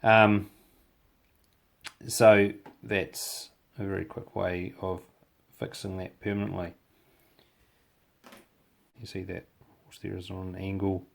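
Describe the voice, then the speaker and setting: A man with a New Zealand accent talks through a hands-on hobby tutorial. His voice is very deep, with plenty of gravelly creak. The delivery is casual and halting, as he works out his phrases while demonstrating. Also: little pitch movement. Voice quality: gravelly, low voice.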